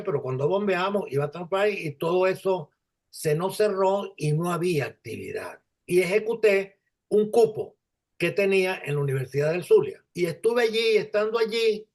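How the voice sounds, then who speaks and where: A man in his seventies with a Venezuelan Spanish accent, a guest in an interview, speaking in a halting, reflective way with many restarts. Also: fairly high pitch. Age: 70s. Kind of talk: conversational interview.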